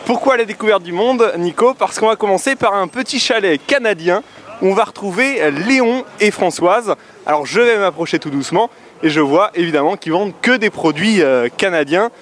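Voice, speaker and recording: High-pitched male roving reporter. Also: animated, a little fast, a bit bright. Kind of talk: live on-location interviewing. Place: outdoor city street market.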